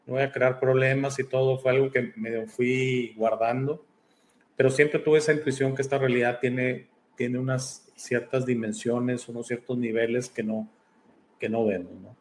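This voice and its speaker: A man's voice: medium pitch, level tone, moderate pace, slight background noise. Hesitant man in a casual interview. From born in Italy, raised in Mexico. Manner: thoughtful, hesitant with many fillers. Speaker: guest, podcast host.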